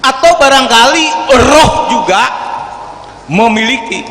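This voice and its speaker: A man in his sixties asks a question at a religious gathering, in a formal, animated way that rises to loud, emphatic bursts. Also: very high voice, a little slow. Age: 60s. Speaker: audience member asking a question. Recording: echoey hall with faint background hiss.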